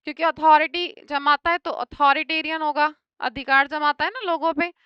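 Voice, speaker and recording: Woman, vocabulary teacher, high voice, dry slightly dull recording, rattles off synonyms. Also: fairly even intonation, no room sound. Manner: explains each word with everyday examples and quick checks; rapid lists of synonyms. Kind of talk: exam-prep lesson.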